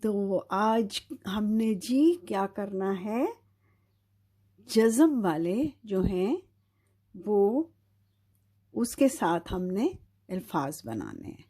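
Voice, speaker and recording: Slow, patient woman teaching phonics. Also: mid-range voice, lively intonation, dark tone. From Pakistan. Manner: slow, patient, drawn-out syllables with repeated checks of "theek hai". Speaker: Urdu teacher. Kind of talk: phonics lesson for children.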